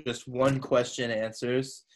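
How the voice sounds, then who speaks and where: A man's voice: mid-range voice, flat delivery, slow. A man co-hosting a casual podcast chat, opinionated and joking as he explains his pet peeves. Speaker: podcast co-host.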